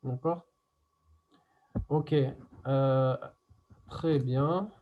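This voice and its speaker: A man teaching a Quran recitation class online, patiently explaining step by step and repeating words slowly. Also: medium pitch, fairly even intonation, narrow, tinny audio, noisy background.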